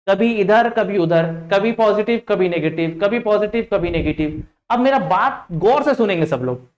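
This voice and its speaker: Indian man teaching in an echoey room. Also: extremely high pitch. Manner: interactive, repeats "ठीक है" and "देखिएगा", drills students with questions. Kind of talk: live online class, quizzing students.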